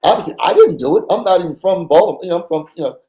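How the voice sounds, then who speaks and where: Animated man telling stories in an echoey room. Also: sits high, rapid-fire. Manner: animated, acts out quoted dialogue, swears casually. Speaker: podcast guest, former undercover agent. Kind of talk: casual storytelling interview.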